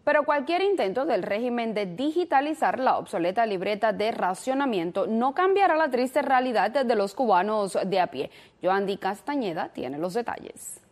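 A woman's voice: on the high side, animated, moderate pace, hardly any pauses. A woman news anchor reading stories and introducing a reporter in a formal way.

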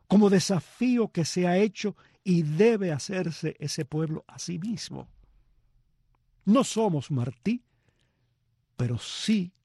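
A man hosting a radio program, giving a measured, reflective history talk full of rhetorical questions. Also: a little high, mellow, husky, no echo, clean studio sound.

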